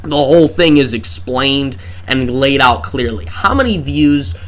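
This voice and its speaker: Medium in pitch, animated, unhurried and slightly bright, the voice belongs to a tired man streaming a game. He delivers a rambling live-stream rant into a desk mic, thinking out loud with many rhetorical questions and restarts.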